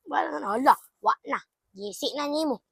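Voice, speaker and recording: An excitable young woman talks through a casual vlog, her voice bright and high. She keeps exclaiming and switches into English as she goes. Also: normal speed, creaky, no room sound. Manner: excitable, exclaiming, mixes English with local talk. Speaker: vlogger.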